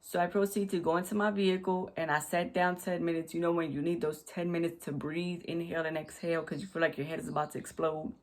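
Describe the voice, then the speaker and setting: A woman's voice: lowish voice, little pitch movement, quick pace, hardly any pauses, darkish tone. A woman vlogger retelling a work story to camera, emphatic and repetitive with frequent restarts, recorded at home on a USB desk mic. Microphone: USB desk microphone.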